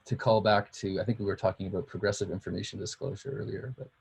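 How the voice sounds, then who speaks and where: Gravelly, raspy low man. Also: fairly even intonation, fast talker. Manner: warm agreement, hesitant with many uhs. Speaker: technical writer. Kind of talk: casual video call discussion.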